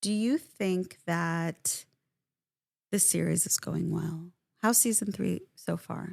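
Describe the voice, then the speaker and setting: An Iranian woman who grew up speaking Farsi co-hosts a podcast, chatting casually and animatedly with her partner and laughing often. Her lowish, darkish voice is slow and creaky, captured in a dry, clean studio recording.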